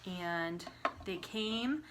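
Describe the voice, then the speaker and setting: Speaking extremely slowly in a fairly low voice, a woman teacher retells a story with props for young children. She keeps her language simple, asks the listener questions, and acts out exclamations with animation. Background noise is present.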